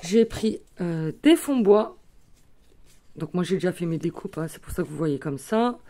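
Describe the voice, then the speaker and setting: A woman's voice: fairly low pitch, lively intonation, normal speed, dark tone. A woman hosting a craft tutorial, chatting casually as she shows her materials, with many small fillers. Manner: chatty, fills with "euh" and "voilà", talks while handling materials.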